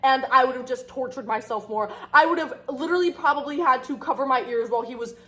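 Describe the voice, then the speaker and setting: A young woman talks straight to her audience in a casual storytime vlog. Her voice sits a little high, and she rambles with constant fillers and pokes fun at herself as she goes. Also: fast talker, pushed and bright. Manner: rambling, filler-heavy, self-mocking. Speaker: vlogger.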